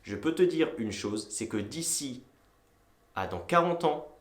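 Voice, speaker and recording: A man's voice: mid-range voice, animated, unhurried. A man in his twenties from France, casually explaining to the viewer straight on, with frequent hesitations. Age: 20s. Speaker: entrepreneur and video host. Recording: echoey room.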